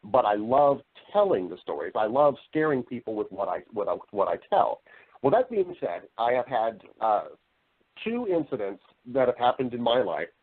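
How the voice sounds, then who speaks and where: Over radio-like, narrow-band call audio, this podcast guest—a middle-aged American voice-over artist and storyteller—tells personal stories conversationally. His mid-range voice has a sing-song lilt and a breathy edge at a moderate pace, and he speaks earnestly and emphatically, repeating phrases as he goes.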